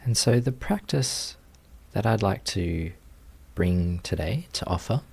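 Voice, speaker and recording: Leading a guided meditation, a male teacher uses a low, slightly gravelly voice touched with fry. His phrases are brief and separated by long silences, delivered very slowly, gently and invitingly, though with an animated quality.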